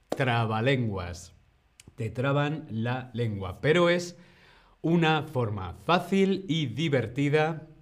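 A man teaching Spanish on a live stream, speaking slowly and over-articulating each word for learners. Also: medium pitch. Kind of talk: live online language lesson.

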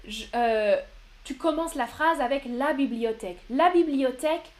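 Slow, patient teacher woman. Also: fairly high pitch. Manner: slow, patient, encouraging, reads out viewers' answers. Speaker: French teacher. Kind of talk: live online grammar lesson.

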